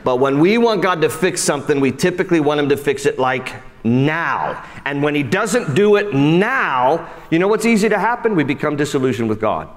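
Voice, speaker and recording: Preacher guy, kinda high voice, gets lively then goes low and soft, big echoey church. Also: moderate pace, few pauses. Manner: animated preaching, dropping low and soft for emphasis; acts out quoted voices and speaks straight to listeners. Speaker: pastor. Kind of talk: sermon.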